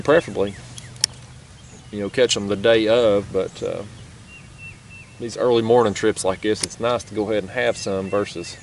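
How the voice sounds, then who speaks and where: Laid-back guy fishing from a kayak, lowish voice, little outdoor hiss, action cam on the boat. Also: creaky. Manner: easygoing, chatty, drawls "y'all" and "ain't". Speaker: fishing vlogger. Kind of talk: casual talk to camera while fishing. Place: kayak on a foggy river, outdoors. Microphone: action camera mounted on the kayak. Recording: faint outdoor river noise.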